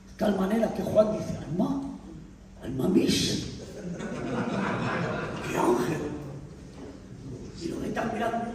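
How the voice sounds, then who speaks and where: Male preacher, very high voice, lively and emphatic, distant in a reverberant church hall. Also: a little hiss or hum. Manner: animated, emphatic, addresses congregation as brothers. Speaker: visiting preacher. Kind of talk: sermon. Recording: echoey hall, mic far off.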